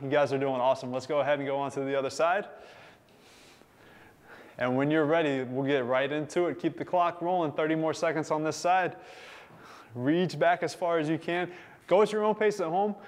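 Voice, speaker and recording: Male fitness instructor, slightly higher voice, upbeat and encouraging, coaching a workout class. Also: fairly even intonation, a little fast. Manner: upbeat, encouraging, counting down time.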